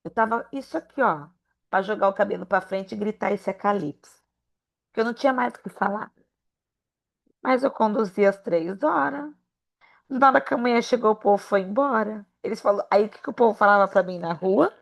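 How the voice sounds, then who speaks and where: Gravelly-voiced Brazilian woman preaching. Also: a little fast. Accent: Brazilian Portuguese. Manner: lively storytelling, acting out quoted voices with big pitch jumps. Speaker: preacher teaching a Bible lesson. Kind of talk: sermon-style Bible lesson.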